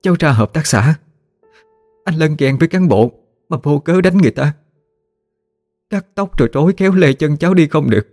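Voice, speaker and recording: A male storyteller voicing a hoarse young wife pleading with the villagers. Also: fairly high pitch, lively intonation, moderate pace, long pauses, a little mellow, soft background music, pitched above the performer's own voice. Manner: pleading, urgent.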